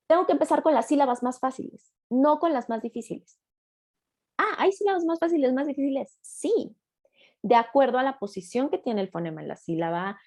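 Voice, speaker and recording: A woman's voice: on the high side, creaky, warm tone. A middle-aged woman, a speech therapist giving an online master class, explaining step by step and acting out imagined questions from her listeners.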